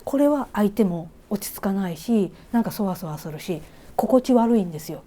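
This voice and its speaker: With a mid-range voice, lively intonation and moderate pace, this Kansai-accented woman delivers a relaxed reiki lesson. She asks the listener questions and slips in quiet whispered remarks.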